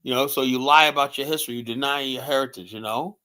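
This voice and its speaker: A man hosts a stream full of heated political commentary, blunt and repetitive, leaning on "you know" to fill pauses and mocking people by quoting them in put-on voices. His voice is mid-range, pushed and bright.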